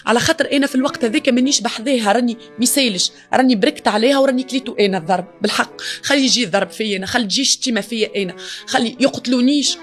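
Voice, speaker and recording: A woman's voice: fairly high pitch, very fast, soft background music. A woman with a Tunisian accent, speaking as a mother in an emotional interview, distraught and pleading. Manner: distraught, pleading, grief-stricken. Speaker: mother of the victim.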